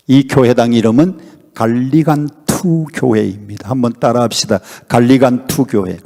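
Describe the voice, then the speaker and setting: A man's voice: mid-range voice, a little mellow. An older man preaching a revival sermon as guest pastor, putting emphatic questions to the congregation. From Honam, South Korea. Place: church sanctuary at a revival meeting. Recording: long reverb in a church hall.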